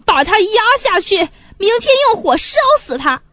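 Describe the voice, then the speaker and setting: A man's voice: very high voice, expressive, moderate pace, no echo, pitched above the performer's own voice, full character voice. A woman voicing a cruel, hot-tempered village official who barks orders. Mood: furious. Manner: barking orders, shouting.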